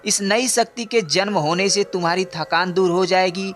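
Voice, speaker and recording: A man voicing a wise old male guru in a storybook, gentle and patient, teaching in a measured way. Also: sits high. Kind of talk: scripted storybook narration.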